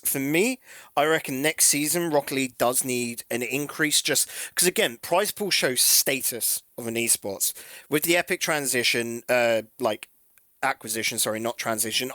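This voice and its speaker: A man's voice: medium pitch, sharp tone, no echo. A man co-hosting a casual esports podcast, rambling and hesitant with lots of fillers. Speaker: podcast co-host.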